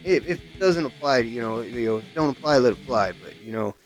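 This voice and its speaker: A man's voice: medium pitch, expressive, fairly quick, soft background music. Profane rambling man ranting. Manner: profane, rambling, repeats "you know what I mean". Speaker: guitar vlogger. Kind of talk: casual rant to camera.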